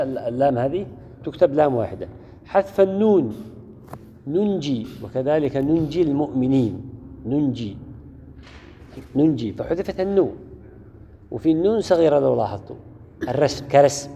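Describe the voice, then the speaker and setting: Captured in a dull, lo-fi recording from an echoing hall, with a little hiss or hum, a man teaches Quran orthography to a class. His voice is slightly high and warm, and he keeps repeating key terms and quizzing his students.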